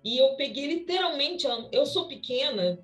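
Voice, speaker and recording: A Brazilian woman pastor telling an emotional story in conversation, animated and expressive, often restarting her sentences. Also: high voice, moderate pace, soft background music, poor audio. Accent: Brazilian Portuguese.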